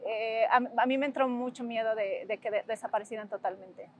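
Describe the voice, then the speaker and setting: Woman, 40s, Mexican accent, documentary interview, reflective, emotional, slightly high voice, faint background noise. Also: brisk, dull audio. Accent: Mexican Spanish. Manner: reflective, emotional, frequent tag questions. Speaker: interviewee, former student activist.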